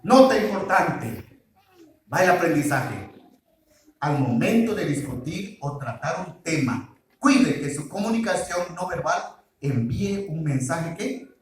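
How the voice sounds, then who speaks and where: A man's voice: on the high side, big pitch swings, slow, a little hiss or hum. Man preaching in an echoey hall. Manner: quizzes the congregation, call-and-response. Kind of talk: church sermon on marriage. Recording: very echoey hall, mic far off.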